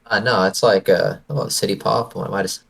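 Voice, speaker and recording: A man's voice: fairly low pitch, steady tone, quick pace, creaky, fairly bright tone. A man co-hosting a podcast in casual chat, playful and teasing. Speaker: podcast co-host.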